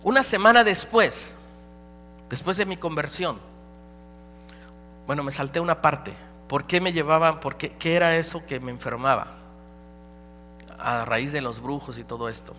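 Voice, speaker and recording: A man preaching a dramatic personal testimony as a pastor, swinging between loud and hushed. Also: on the high side, normal speed, long pauses. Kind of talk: sermon testimony. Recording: live hall recording with reverb and hum.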